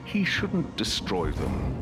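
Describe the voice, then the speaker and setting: An actor voicing a grandiose, smug tyrant in a video game, with a pompous, theatrical and savoring delivery. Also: male voice, low voice, huge pitch swings, slow pace, exaggerated voice. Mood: gloating. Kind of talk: video game villain acting. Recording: loud music behind the voice.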